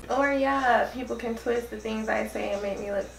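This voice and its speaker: A woman's voice: on the high side, creaky. A woman chatting casually as an interview guest, self-conscious and self-deprecating. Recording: echoey room, faint noise.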